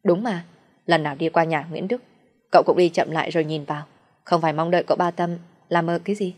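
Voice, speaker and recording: A woman's voice: on the low side, steady tone, fast, lightly acted. Woman doing a nosy young servant guy, always asking stuff. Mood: curious worried. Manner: inquisitive, prying. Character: curious, worried young male servant.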